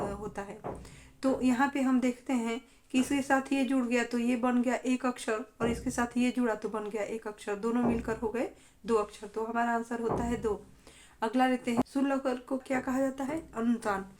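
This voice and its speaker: A woman's voice: fairly high pitch, darkish tone. A woman teaching an exam-prep grammar lesson, steadily reading questions and explaining each answer.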